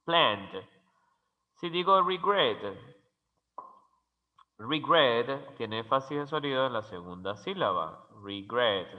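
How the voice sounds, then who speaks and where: Slow, deliberate male English teacher. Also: medium pitch, lively intonation. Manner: spells out letters and repeats example words slowly. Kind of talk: slow, careful grammar lesson. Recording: dull, lo-fi sound with long reverb.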